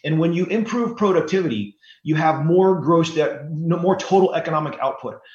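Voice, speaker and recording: A man in his forties, a guest author on an interview podcast, explaining in an earnest, steady way. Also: on the high side, moderate pace. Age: 40s. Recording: roomy, slightly dull sound.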